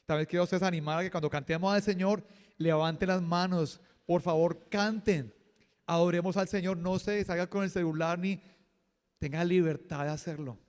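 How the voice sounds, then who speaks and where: A man preaching a sermon as pastor, lively and joking, acting out quotes. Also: sits high, normal speed, big-room sound. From Colombia. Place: church hall.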